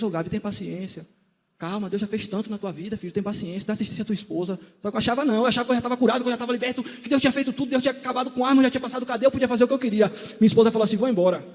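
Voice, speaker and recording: A man preaches his own testimony in a large church hall. His voice sits very high and the words come quickly. A long reverb trails behind every phrase. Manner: swings from quiet storytelling to shouted exhortation.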